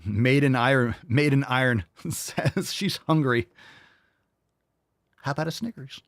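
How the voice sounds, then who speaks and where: A man's voice: mid-range voice, unhurried, no room sound, studio quality. A man hosting a casual live commentary show, talking bluntly and profanely in a mocking way. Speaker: show host.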